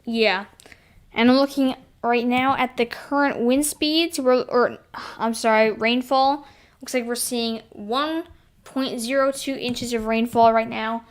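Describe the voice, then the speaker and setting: A woman with a smooth, clear voice that sits a little high reads out storm forecasts on a live stream. She often pauses and corrects herself. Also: steady tone. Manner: hesitant, self-correcting, apologetic. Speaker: host of storm livestream. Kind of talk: casual live weather commentary.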